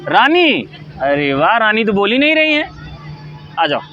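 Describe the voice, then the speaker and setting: Lively bright-voiced woman coaxing children. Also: mid-range voice, a little slow, dull audio, faint music behind. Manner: cheerful, coaxing, praising. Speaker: charity volunteer handing out books. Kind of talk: casual chat with small children. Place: outdoors in a city park.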